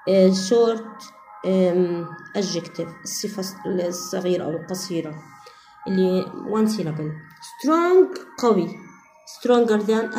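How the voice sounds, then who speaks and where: With a Levantine Arabic accent, a woman teaches an English grammar lesson, slowly repeating each English word and then giving its Arabic meaning. Her voice is mid-range and dark in tone.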